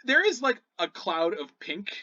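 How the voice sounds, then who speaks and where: A man's voice: high voice, sing-song, unhurried, bright, forceful tone. A man running a tabletop game as dungeon master, narrating vividly with sound effects. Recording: dull lo-fi sound.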